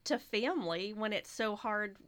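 A woman's voice: medium pitch, expressive, normal speed, a bit bright, clean tone. A woman interviewing a guest, with short, supportive responses. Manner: brief supportive backchannels. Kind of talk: casual interview.

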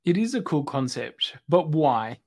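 A man co-hosting a church podcast, chatting in a relaxed, explanatory way. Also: on the high side, measured pace. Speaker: podcast co-host. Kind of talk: casual podcast chat.

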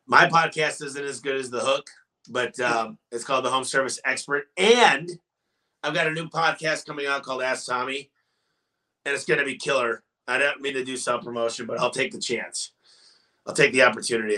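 A man's voice: medium pitch, moderate pace, bright, forceful tone, distant mic. A man, a business owner guest on a podcast, talking in an emphatic, motivational way and telling stories. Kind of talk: podcast interview.

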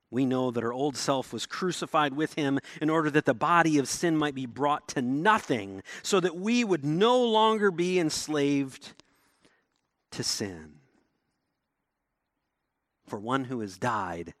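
Animated male preacher, dry close sound. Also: no room sound. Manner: animated preaching, rising to emphatic declarations then dropping low. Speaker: pastor. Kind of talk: sermon.

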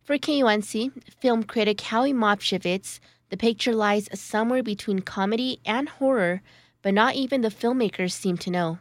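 A woman host making smooth, even, scripted radio announcements. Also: fairly high pitch, normal speed, dry recording.

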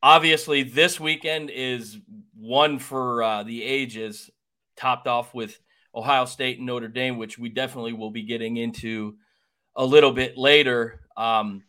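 A man's voice: medium pitch, steady tone, measured pace, sharp tone. A man hosting a sports podcast in a folksy, rambling way, with many fillers and restarts. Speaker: podcast host. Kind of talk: casual sports podcast chat.

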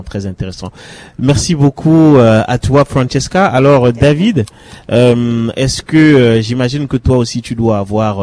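A young man from Cameroon, a radio journalist, moderating a live round-table and calling on students by name in an animated way. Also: mid-range voice.

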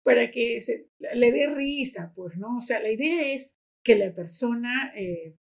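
A woman's voice: on the high side, lively intonation, a little slow. A woman, a guest on a podcast, chatting casually and telling stories while tagging her sentences with little questioning asides. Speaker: guest, educator and activist.

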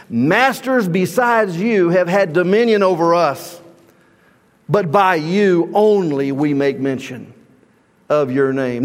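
Male pastor, middle-aged, fervent sermon delivery, slightly high voice, long hall reverb. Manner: fervent preaching, rising high and loud on emphasis. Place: church sanctuary.

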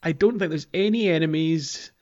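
A podcast host talks casually and reflectively about video games, hesitating a bit as he goes. His voice is a little high and a little mellow at a normal speed, and the highs are cut off.

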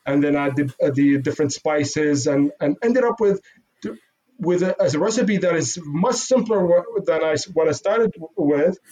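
Iraqi-born guy, guest on a chat, slightly high voice, lots of ums and restarts, modest. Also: animated, dark tone, low-quality recording. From Iraq. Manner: halting, many fillers and restarts, modest. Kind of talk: casual interview.

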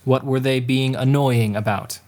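A man in a student radio drama playing a gentle, patient uncle who speaks calmly and reassuringly. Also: mid-range voice, natural voice. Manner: calm, reassuring, measured.

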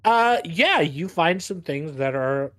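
A man narrating a tabletop roleplaying game as game master, halting and pausing for drama. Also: fairly high pitch, expressive, a bit bright.

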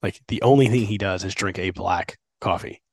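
A man's voice: low-pitched, moderate pace, no room sound. A man co-hosting a casual podcast chat, teasing his partner in a playful way and now and then bursting into exaggerated enthusiasm. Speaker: podcast co-host.

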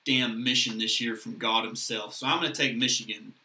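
A man's voice: mid-range voice, fairly even intonation, brisk, sharp tone. A man co-hosting a podcast, jokey and stumbling in casual sports chat. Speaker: podcast co-host. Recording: echoey room, distant mic, background noise.

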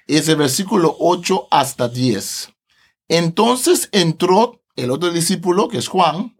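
A man, a Bible translator guest on a podcast, explaining scripture animatedly, laughing often and tagging his phrases with a questioning "no". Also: high voice.

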